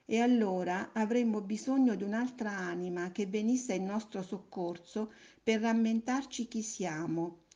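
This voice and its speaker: A woman doing a gentle, patient friendly soul. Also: mid-range voice, unhurried, natural voice. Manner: calm, gentle, explaining. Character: kind, patient friendly soul, a sexless spirit. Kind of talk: storybook reading.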